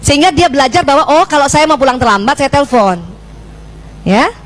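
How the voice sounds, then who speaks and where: A middle-aged woman from Indonesia giving a lively parenting talk to mothers, often asking the audience questions and acting out how she scolds a child. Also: high voice, brisk, low-quality recording.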